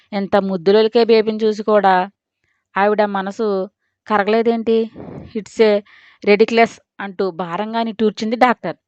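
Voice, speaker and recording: A woman narrating a family drama with expressive storytelling. Her voice is smooth and resonant, recorded close and dry with a dull, lo-fi sound. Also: mid-range voice, no room sound. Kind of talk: scripted narration. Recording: dull lo-fi audio.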